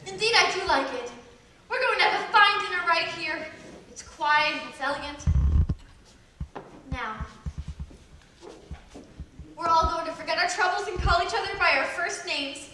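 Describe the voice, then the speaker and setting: An actress playing a confident, commanding milliner who orders everyone about in a live stage play. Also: female voice, very high voice, sharp tone, slight background noise, heavily acted. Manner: commanding, brisk. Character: confident bossy woman milliner, fond of fine living. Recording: echoey hall, taped from far off.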